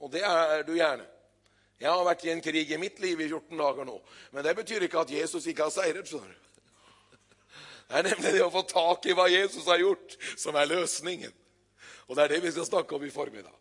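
High-voiced older preacher man. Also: breathy edge. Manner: lively storytelling preacher, builds to loud exclamations; conversational with frequent hesitations. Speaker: pastor. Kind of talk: sermon. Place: church.

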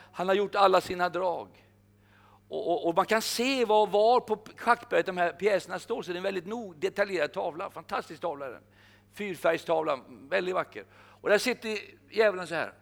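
High-voiced older male preacher, emphatic. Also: vocal fry, a bit bright. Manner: emphatic, repeats key phrases slowly. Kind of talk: sermon.

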